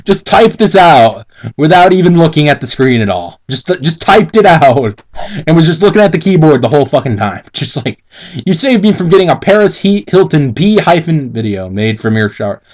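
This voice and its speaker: With a fairly high voice that swings widely in pitch at a normal speed, this co-host reads fan fiction aloud to mock it. His casual asides are giggly and stumbling, laced with exasperated profanity.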